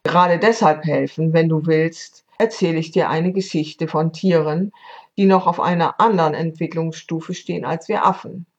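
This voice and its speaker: A woman voicing a thoughtful, calm male monkey who speaks in a patient, pensive way. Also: low voice, normal speed, lo-fi sound.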